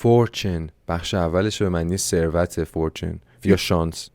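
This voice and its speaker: A Persian-speaking man teaching an online English lesson, explaining answers step by step and slowing down to pronounce English examples. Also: low-pitched, fairly even intonation, darkish tone, no echo.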